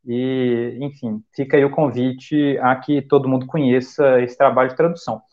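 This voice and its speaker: A man's voice: medium pitch, steady tone, moderate pace. Man, host, interviewer, hesitant, dull lo-fi audio. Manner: hesitant, fillers while reading a question. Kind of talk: live-streamed interview, asking questions.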